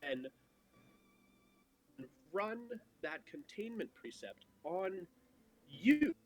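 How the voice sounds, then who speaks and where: A man's voice: high voice, big pitch swings, exaggerated voice. A man voicing an arcane male being in a tabletop game, his voice clipping in and out over voice chat so words get cut off. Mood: earnest. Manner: halting, words chopped off mid-phrase. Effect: voice clipping in and out, cutting off words. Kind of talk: in-character roleplay over voice chat.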